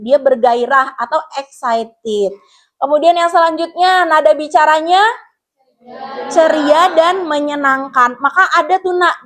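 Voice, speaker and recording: A woman's voice: high-pitched, fairly bright tone. A woman counselor teaching a guidance lesson to a class of pupils, explaining step by step and asking them questions as she goes.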